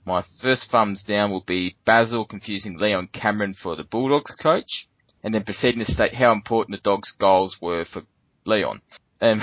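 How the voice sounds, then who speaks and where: A man's voice: low-pitched, no echo, dull audio. An Australian man hosting a fan sports panel podcast. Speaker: podcast host.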